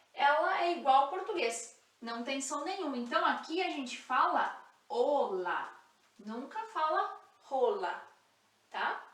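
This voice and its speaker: A woman teaching a language lesson, speaking slowly and clearly, repeating example words and spelling out sounds. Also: high voice, pushed and bright, reverberant, distant mic. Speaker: Spanish teacher.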